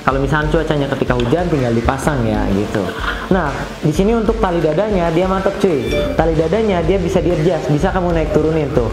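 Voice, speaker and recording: A young man talks through a piece of gear in a casual, slangy, upbeat way. His lapel mic picks up a roomy studio echo, and background music plays clearly under him. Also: quick pace. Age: young adult. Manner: chatty, slangy, enthusiastic pitch. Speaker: product reviewer. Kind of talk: casual product review. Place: studio with plain blue backdrop.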